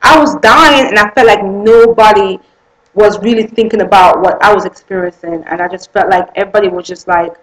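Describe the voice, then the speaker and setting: Recorded at low quality, this woman's mid-range, fairly bright voice moves at a fairly quick clip. She shares a heartfelt personal testimony in casual storytelling, her run-on sentences thick with "you know" and "I mean" and repeated phrases for emphasis.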